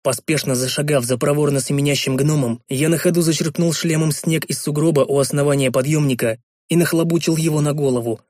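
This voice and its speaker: A man narrating a fantasy audiobook, switching to intense shouting in his hero's lines. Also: on the high side, steady tone, brisk, few pauses, no echo, clean studio sound.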